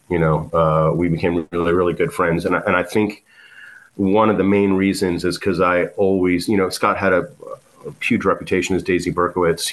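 A man, a guest musician telling stories in a casual interview, rambling with many fillers and restarts. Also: deep voice. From South Florida.

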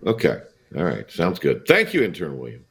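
A man's voice: very deep voice, huge pitch swings, moderate pace, a bit bright. An American man hosting a sports radio show in a casual, chatty, blunt and teasing way. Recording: studio broadcast, faint music behind. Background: music.

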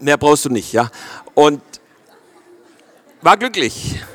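A man in his forties with a Swabian accent, preaching a sermon in a lively way and often checking in with the congregation. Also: a little high, slow pace, some chatter behind. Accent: Swabian German. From Swabia, Germany.

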